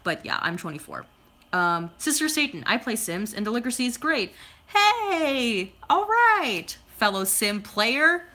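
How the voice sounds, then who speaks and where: A woman's voice: a little high, big pitch swings, measured pace, bright, forceful tone. A woman in her twenties chatting at home on a livestream, reading comments in a rambling way, with lots of fillers and silly sound effects. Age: 20s. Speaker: YouTuber reading live chat. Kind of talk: casual livestream chat.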